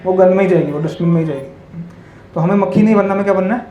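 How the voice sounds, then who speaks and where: A man's voice: sits high, very fast, dark tone. Man giving a spiritual talk in an echoey hall. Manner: asks the audience constant tag questions; tells parables and stories. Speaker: monk speaker. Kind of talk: spiritual talk to a live audience. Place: hall with an audience. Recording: echoey hall with faint ambience.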